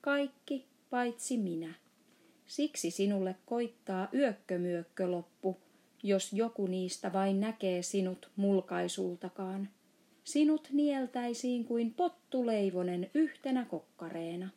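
A woman's voice: mid-range voice, warm tone, lightly acted. Woman playing a friendly giant with mangled words. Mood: playful. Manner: mangled words, playful boasting. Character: big friendly male giant, odd grammar. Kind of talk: storybook reading.

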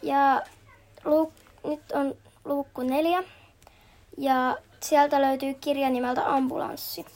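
A woman reading a children's picture book aloud, steady and clear, noting each page turn. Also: high voice, pauses often. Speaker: storybook reader.

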